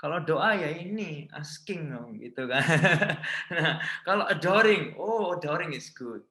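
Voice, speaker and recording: A man with an Indonesian accent preaching a sermon as a pastor, mixing in English phrases and swinging from loud emphasis to hushed lines. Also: a little high, lively intonation, unhurried. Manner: switches often between Indonesian and English phrases. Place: large church hall. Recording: echoey church hall.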